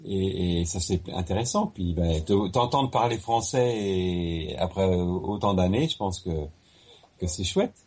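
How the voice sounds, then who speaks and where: A man from France talking in a casual, conversational way, as in a relaxed chat with someone he knows. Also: deep voice, a little slow, slightly rough.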